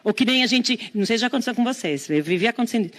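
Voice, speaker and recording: A middle-aged Brazilian woman giving a live lecture on parenting, lively and drawing the audience in with questions. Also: a little high. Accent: Brazilian Portuguese. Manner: lively, engages the audience with questions and quick asides.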